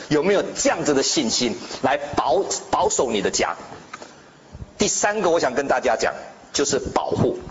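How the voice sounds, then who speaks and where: A man preaches with a high voice that leaps and drops across a wide range. He throws out rhetorical questions and acts out bold declarations. The recording is dull and lo-fi with a faint hiss behind. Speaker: pastor. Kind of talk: sermon. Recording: dull lo-fi sound with faint noise.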